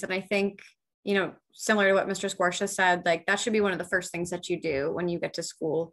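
A woman's voice: on the low side, a bit bright. A woman moderating a panel, affirming answers and asking the next question over a laptop microphone on a video call. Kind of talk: casual panel talk.

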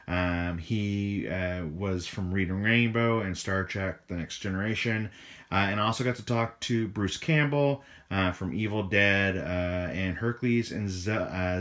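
A man speaks in a slightly hoarse, somewhat low voice, as if he has partly lost it. He rambles comfortably through a casual vlog rundown, with frequent "um"s and "uh"s between thoughts. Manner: relaxed, many fillers like um and uh. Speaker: toy collector vlogger.

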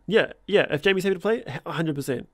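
A man, chatting informally and haltingly about games as a streamer, swearing casually. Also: fairly high pitch, animated, fairly bright tone. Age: 20s. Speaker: streamer and host of a gaming series. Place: small room at home. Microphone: close desk microphone.

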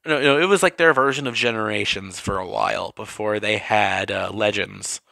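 A man's voice: fairly low pitch, moderate pace, creaky, pushed and bright, no room sound. A man casually walking through his toy collection, rambling, correcting himself and getting worked up in short rants.

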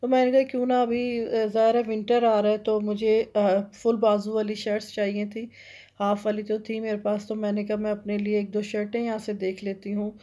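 A middle-aged woman from Pakistan vlogs casually while walking through a large clothing store, gushing over the items and filling her talk with fillers. Her medium-pitched voice is warm, with little pitch movement and a moderate pace, recorded on a handheld phone camera in dull lo-fi audio.

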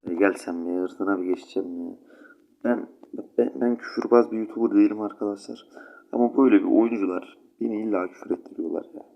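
A man's voice: fairly low pitch, fairly even intonation, brisk, creaky, lo-fi sound. Sleepy young man with a stuffy nose. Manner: chatty, rambling, keeps addressing viewers. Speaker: gaming channel host. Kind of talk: casual gameplay commentary.

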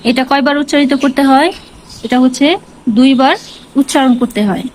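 High-voiced woman teaching slow drills. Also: flat delivery, darkish tone, a little hiss or hum, poor audio. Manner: slow, repeats each syllable drill. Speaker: Quran reading teacher. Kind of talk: step-by-step lesson.

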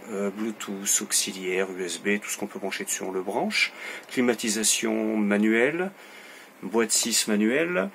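Brisk man giving a motorhome walkthrough. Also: fairly low pitch, creaky, a little hiss or hum. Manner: brisk, matter-of-fact listing. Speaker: motorhome dealer presenting a vehicle. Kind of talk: informal walkthrough tour, listing features. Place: inside a motorhome on a dealer lot.

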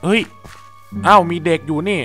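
A man's voice: high-pitched, moderate pace, bright, forceful tone. Chatty joking man over background music. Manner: chatty, joking, talks to himself. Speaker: YouTuber voicing his cartoon's main character. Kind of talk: comic dubbed cartoon narration.

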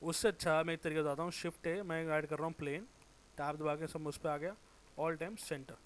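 A man with a sore throat giving a casual, informal software tutorial, thinking aloud, correcting himself and muttering as he works. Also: a little high, steady tone, moderate pace, a little hiss or hum. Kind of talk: casual screen-recorded tutorial.

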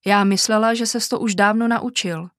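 A woman voicing a gentle, caring young mother in a storybook, soothing and mildly scolding. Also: mid-range voice, steady tone, dry recording, clean studio sound, close to an everyday voice.

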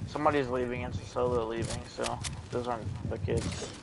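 A young man chatting with a teammate during an online game, making quick callouts with sudden excited bursts, on a headset. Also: mid-range voice, creaky. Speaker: gamer streaming a match. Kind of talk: casual gaming chat with a teammate. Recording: noisy game audio behind.

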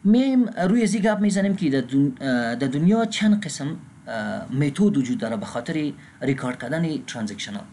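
A man with an Afghan Dari accent gives a recorded accounting lecture, reading English terms slowly and pausing with filler sounds. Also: on the high side, big pitch swings, mellow, a little hiss or hum. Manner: frequent filler sounds and restarts. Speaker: accounting instructor.

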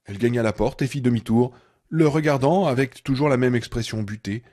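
A man narrating a novel in a measured, dramatic audiobook reading. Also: mid-range voice, dark tone. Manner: measured, dramatic, darkening on tense passages.

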